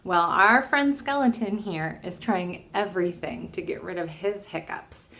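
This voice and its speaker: At storytime, a woman reads a children's storybook aloud in a fairly low, unhurried voice. She's expressive and often puts questions to her young listeners.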